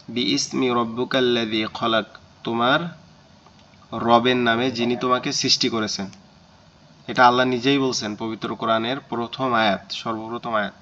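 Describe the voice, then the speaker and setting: A man's voice: medium pitch, bright, forceful tone. A man teaching a Quran reading class, explaining vowel marks and drilling syllables, repeating each word three times. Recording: slightly dull lo-fi recording.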